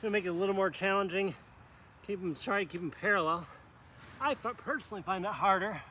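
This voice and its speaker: High-voiced and sharp in tone, this male fitness instructor speaks a little fast against slight background noise. Out in a park, he leads a live workout with encouraging energy, joins in on every move, and jokes about the times he fumbles.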